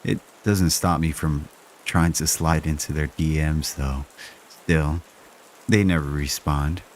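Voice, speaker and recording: Extremely deep-voiced male horror narrator. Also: fairly even intonation, slow, a little hiss or hum. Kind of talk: scripted first-person horror narration.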